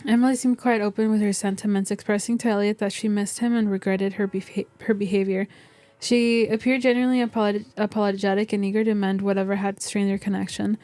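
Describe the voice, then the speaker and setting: A woman's voice: mid-range voice, little pitch movement, fast talker, warm tone, dry recording, close to an everyday voice. A woman reading aloud the game part of a formal, wordy, nosy male village shopkeeper. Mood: formal, intrigued.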